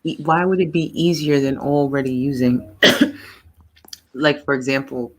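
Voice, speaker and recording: A woman's voice: a bass voice, a little slow. Persistent questioning woman podcast host. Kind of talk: casual discussion.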